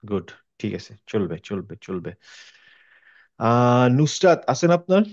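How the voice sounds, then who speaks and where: A man leads an online reading class and patiently models each sound over and over for his students. His voice sits in a middle pitch. The call audio is dull and lo-fi. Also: big pitch swings, slow. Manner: patient, demonstrates sounds by repeating them. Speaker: Quran reading teacher.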